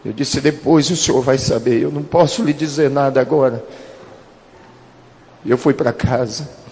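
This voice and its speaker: A man's voice: mid-range voice, normal speed, darkish tone, long reverb tail, a little hiss or hum. A man, a pastor telling a personal testimony earnestly and calling his listeners beloved.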